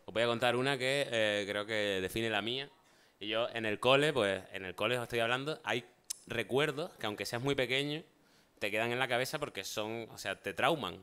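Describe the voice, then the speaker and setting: With a clear, resonant, mid-range voice at normal speed, a man on a talk show shares humorous childhood stories in casual conversation. He tells them animatedly, doing the voices of the people he describes.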